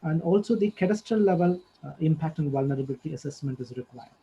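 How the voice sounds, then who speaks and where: Husky, dark-voiced man on dull audio. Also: fairly high pitch, expressive, fast talker. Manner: hesitant, many filler sounds. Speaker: panelist. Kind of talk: panel discussion remarks.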